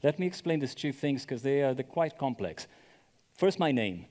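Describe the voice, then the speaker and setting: A man's voice: mid-range voice, very animated, normal speed, a little mellow. A man from Brazil giving a conference talk, chatty, often asking the audience "right?". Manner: conversational, often checks with "right?". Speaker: conference speaker. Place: conference venue. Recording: echoey hall reverb.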